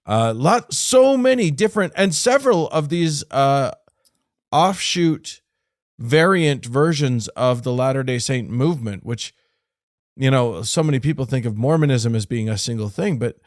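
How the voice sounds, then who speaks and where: A man co-hosting a podcast in casual conversation, halting with frequent restarts and fillers, his phrases fading quietly at the ends. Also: medium pitch, lively intonation, no echo, studio quality. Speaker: podcast co-host.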